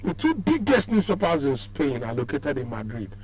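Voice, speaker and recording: A Nigerian man with a baritone voice hosts a radio sports show, animated and effusive, drifting into a sing-song lilt. His voice sits a touch higher than most men's. The radio stream carries a faint hum. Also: normal speed, rough recording. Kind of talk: lively sports radio presenting. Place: radio studio.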